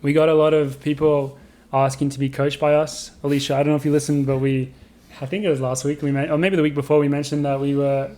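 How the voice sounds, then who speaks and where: A man's voice: fairly high pitch, flat delivery, fast, warm tone. A man hosting a podcast, upbeat and joking as he chats. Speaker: podcast host. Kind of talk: casual chat.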